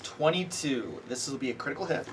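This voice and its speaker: A man's voice: mid-range voice, very animated, fairly quick. A man running a tabletop fantasy game, switching between descriptive narration and casual table talk. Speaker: game master. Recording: clearly noisy room.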